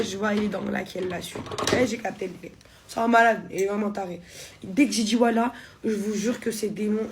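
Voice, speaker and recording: A young woman rattles through a heated story at high speed, acting out both sides of a quarrel. Her pitch sits in the middle for a woman. A faint noise runs under the recording. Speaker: content creator telling a story. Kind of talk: casual storytime to camera.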